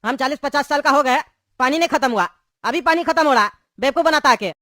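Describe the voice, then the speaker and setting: Fed-up villager in his forties, grumbling cartoon voice, quick, played by a woman. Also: high voice, a bit bright, dry recording, clean studio sound, voice pushed down. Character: fed-up middle-aged village man.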